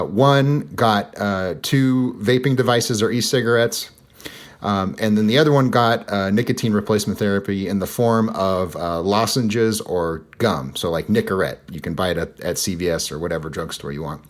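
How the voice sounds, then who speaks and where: A man's voice: on the low side, fairly quick, few pauses. A man hosting a podcast in a casual, joking way, with plenty of fillers and a sarcastic streak. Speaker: podcast host.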